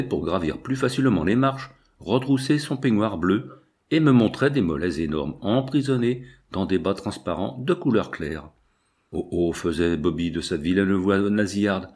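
A man's voice: lowish voice, a little mellow, husky. A man reading a first-person novel aloud as an audiobook narrator, telling the story expressively.

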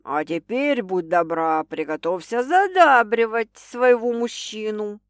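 A woman's voice: medium pitch, animated, unhurried, no room sound, studio quality. Woman putting on a growling possessive boss. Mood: menacing possessive. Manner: growling, snapping, hissing threats. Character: domineering possessive drunk male boss.

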